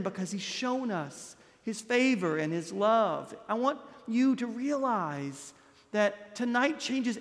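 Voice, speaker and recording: A man in his thirties, a priest delivering a Christmas Eve homily with impassioned preaching, dropping low and soft on key words. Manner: gestures broadly while standing at a lectern. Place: large stone church, indoors. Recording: long church reverb.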